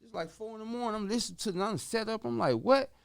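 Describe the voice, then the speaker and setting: A man's voice: high-pitched, very fast, vocal fry. A man guesting on a podcast, telling a long story in a casual, profane, slang-heavy way and acting out the voices of the people in it. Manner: animated, profane, slangy, acts out quoted voices.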